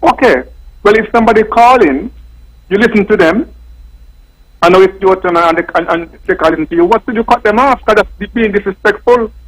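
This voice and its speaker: This is a male radio caller heard over a phone line, his voice placed high and sounding far from the mic. He speaks in a lecturing, scolding way, telling the host what he ought to do. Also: brisk, a bit bright. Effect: heard over a phone line from a distance. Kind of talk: call-in radio chat.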